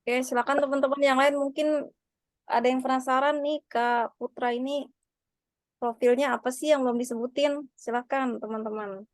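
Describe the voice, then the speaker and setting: A woman's voice: high-pitched, fairly even intonation, normal speed, no room sound. A woman moderating a casual online meeting, friendly and inviting others to ask questions.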